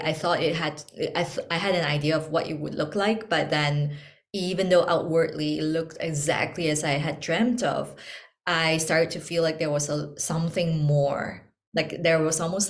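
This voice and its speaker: A woman from Malaysia speaking as an interview guest, soft-spoken and reflective, pausing often with ums. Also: deep voice. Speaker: guest, tea ceremony practitioner. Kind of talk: casual interview conversation.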